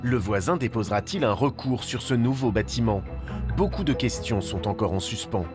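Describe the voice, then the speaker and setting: A man reading scripted narration for a report in a steady, measured way. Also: medium pitch, over music. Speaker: documentary narrator.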